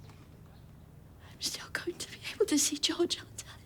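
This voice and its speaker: A woman's voice: high-pitched, moderate pace, slight background noise, close to an everyday voice. An actress playing an anxious, meddling middle-aged grandmother, stammering and flustered, in a TV soap. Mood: anxious, pleading. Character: anxious meddling grandmother pleading with her adult son. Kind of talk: naturalistic TV soap acting.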